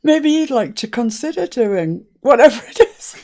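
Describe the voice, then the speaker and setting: A woman's voice: on the high side, animated, moderate pace, darkish tone. A woman born in Scotland hosting a live crafting stream, chatting casually and laughing often. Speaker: crafting channel host. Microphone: live-stream setup.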